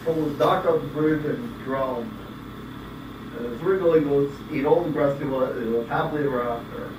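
A man narrating fairy tales as an amateur puppeteer, halting and repeating words. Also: medium pitch. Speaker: puppeteer storyteller. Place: indoor room, puppets behind a couch. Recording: echoey room, distant mic, steady hiss.

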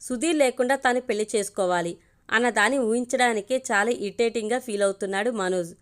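A woman narrating an audio story in a steady, expressive read-aloud. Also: fairly high pitch, fairly quick.

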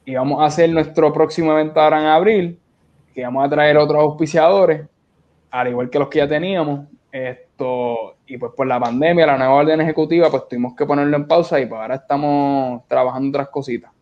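This beach cleanup organizer is a young Puerto Rican man with a fairly high, steady voice and a Puerto Rican accent. He talks briskly and colloquially as a guest in a casual interview over a video call from an indoor room. The sound quality is dull and lo-fi.

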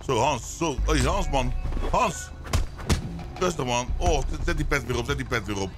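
A man improvising a character in a crime role-play game, teasing and joking with animated banter. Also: mid-range voice, normal speed, music in the background.

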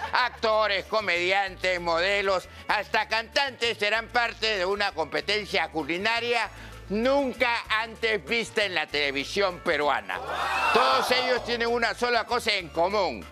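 An actor playing a silly cooking show host with a clownish voice and a Peruvian Spanish accent, announcing like a drawn-out showman. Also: high-pitched. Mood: showy, excited. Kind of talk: parody game show presenting. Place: TV studio kitchen set. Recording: loud music behind the voice.

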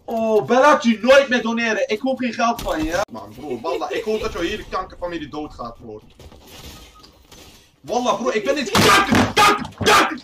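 A young man live-streaming a game, who bursts into shouted, raging streams of swearing. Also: high-pitched, big pitch swings, moderate pace. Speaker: livestreamer. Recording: distant mic with noisy background.

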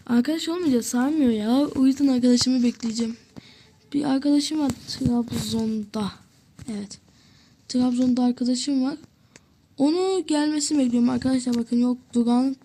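Excitable woman gamer, high mellow voice, talks to viewers while playing, groans and swears at misses. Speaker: gameplay commentator. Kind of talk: casual gameplay commentary to viewers.

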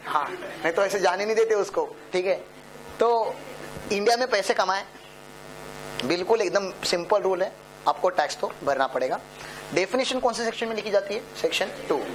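Slight background noise accompanies a high-pitched man lecturing exam students on tax law in a classroom, mixing Hindi with English. He explains each step, keeps checking comprehension through tag questions, and jokingly raises the students' questions on their behalf.

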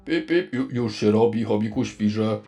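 A performer voicing a household robot helper in a low monotone robot voice, beeping before each reply and speaking stiffly and literally. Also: a little slow, creaky. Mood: robotic. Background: background music.

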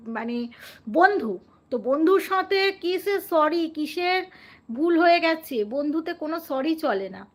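A woman's voice: sits high, a bit bright. A woman from West Bengal chatting casually and earnestly with viewers on a live stream, often asking them questions.

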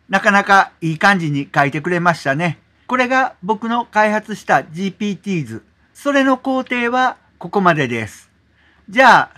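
A man hosting a software tutorial, explaining step by step in a polite manner, often adding 'desu ne' as filler. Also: sits high. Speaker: tutorial host. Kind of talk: screen-recorded software tutorial.

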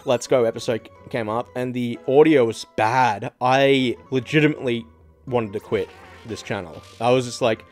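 A gaming channel host with a medium-pitched voice gives casual, profane let's-play commentary. He swings into loud, excited outbursts.

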